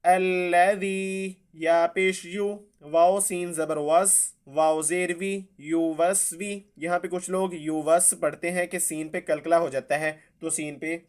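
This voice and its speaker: Slow, clear-voiced man teaching recitation. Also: fairly high pitch. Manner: spells letters and vowel marks aloud, then recites drawn out. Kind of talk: slow spelled-out tajweed lesson.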